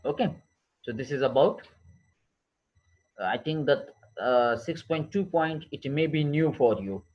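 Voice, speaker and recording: A man, an engineering lecturer who slowly dictates notes and repeats terms for his class. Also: a little high, expressive, dull audio. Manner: slow, repetitive dictation, switching between English and Marathi.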